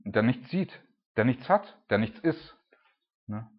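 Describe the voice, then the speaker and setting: A man preaching an informal sermon, talking casually with frequent "ne?" tags and sometimes acting out loud, high cries. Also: animated, measured pace. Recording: dull lo-fi sound.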